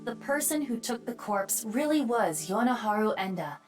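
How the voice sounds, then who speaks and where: A woman voicing a sharp-tongued, analytical investigator in a game, matter-of-fact and dry. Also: a little high, very animated, normal speed, soft background music. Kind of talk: scripted game acting.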